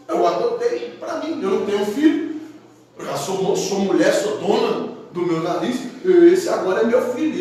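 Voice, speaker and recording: A man's voice: high-pitched, darkish tone. A man voicing a proud, strong-willed young royal woman who speaks firmly and decisively. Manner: firm, decisive. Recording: very echoey hall, from far off.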